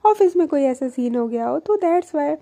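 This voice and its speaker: A woman's voice: sits high, expressive, normal speed, gravelly, warm tone. A young woman casually retelling a love story, chatty, mixing in English words and laughing along.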